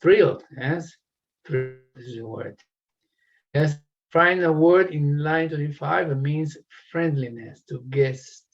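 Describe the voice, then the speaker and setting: A man's voice: a little high, slow, creaky, muffled recording. A man teaching an English class, encouraging students and calling on them by name.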